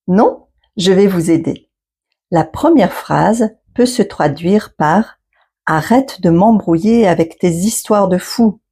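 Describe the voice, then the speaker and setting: A woman's voice: medium pitch, warm tone, breathy edge. A woman hosting an educational podcast as a French teacher, reading scripted narration with didactic phrasing for learners.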